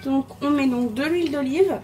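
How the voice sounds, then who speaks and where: A young woman explaining cooking steps in a relaxed way in her home kitchen. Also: sits high, moderate pace. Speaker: daughter cooking alongside. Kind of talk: casual cooking chat. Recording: noisy kitchen with clattering cutlery.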